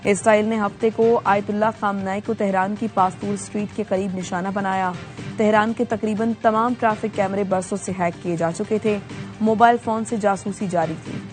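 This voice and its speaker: A woman reading scripted news headlines in a brisk, formal delivery. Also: mid-range voice, fairly even intonation, a little mellow, faint music behind. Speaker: news anchor.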